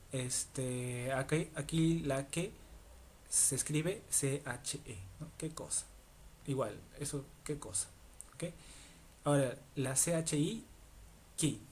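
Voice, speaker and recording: A man's voice: mid-range voice, darkish tone, a little hiss or hum. A man teaching an online language lesson, patient and repetitive, often checking in with the listener. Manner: patient, repeats words slowly, asks ¿ok? often.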